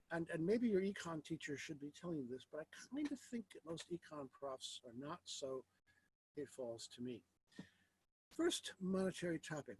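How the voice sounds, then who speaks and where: A man lectures informally on philosophy in a very husky, slightly high voice. He is reflective and halting, often pausing to pose rhetorical questions. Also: low-quality recording.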